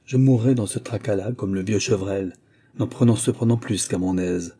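A man voicing a shrewd, gruff, fatherly old male cloth merchant who lectures and exclaims in an audiobook. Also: on the low side, moderate pace, warm tone. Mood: exalted.

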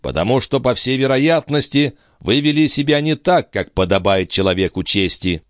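A man voicing an indignant, hot-tempered young nobleman who shouts accusations in a raised voice. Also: medium pitch, lively intonation, normal speed, dry recording, studio quality, voice pushed up, natural voice.

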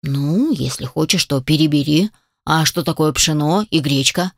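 A woman reading an audiobook and voicing a stern, teasing male dragon in a lowered, dry, commanding voice. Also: normal speed, no room sound. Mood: bossy.

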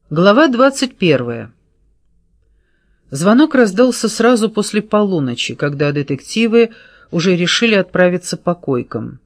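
A woman reading an audiobook novel in a steady storytelling manner. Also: low-pitched, no room sound, studio quality. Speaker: audiobook narrator. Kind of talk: scripted narration.

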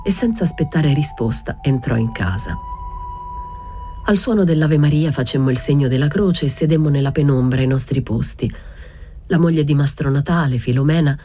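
A woman reading a literary novel aloud in a measured way, raising her pitch for the village women's voices. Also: warm tone, soft background music. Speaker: reader.

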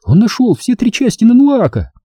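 A man's voice: sing-song, moderate pace, warm tone, slightly rough, no room sound, studio quality, heavily acted. A man voicing a headstrong young girl hunter in an audiobook, with a raised, indignant voice. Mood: pleading. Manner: high-pitched and indignant.

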